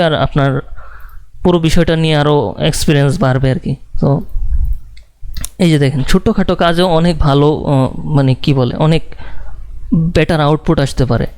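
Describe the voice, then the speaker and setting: Slow, thinking-aloud man tutoring. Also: on the high side, darkish tone, clean tone, no room sound. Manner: slow, thinking aloud with many fillers, mixing English words. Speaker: design tutor. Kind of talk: live screen-share design tutorial.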